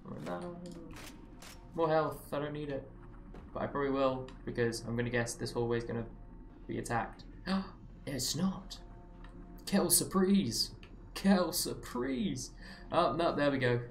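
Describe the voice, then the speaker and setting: A man from England with a Southeast English accent, slightly Americanized, chats and rambles through live commentary while playing a game, dropping wry, self-mocking asides. His voice sits at a medium pitch. The recording has a roomy echo, with game music and some noise in the background.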